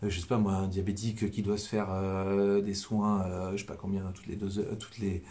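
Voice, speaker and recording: A man's voice: low voice, little pitch movement, normal speed, warm tone. A man with a Southern French accent giving a casual spiritual talk, rambling and hesitant, full of fillers and repeated words. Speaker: religious brother giving a live talk.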